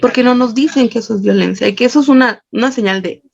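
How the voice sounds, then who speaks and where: A Mexican woman with a Mexican accent speaks in an interview, her fairly high voice carrying a gravelly rasp. She talks with intensity, hammering points home by repeating them, and the recording sounds dull and lo-fi. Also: fast talker, darkish tone. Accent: Mexican Spanish. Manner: intense, emphatic, builds with repetition. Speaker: psychologist and feminist activist, interview guest. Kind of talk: earnest explanatory interview answers. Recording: dull lo-fi audio.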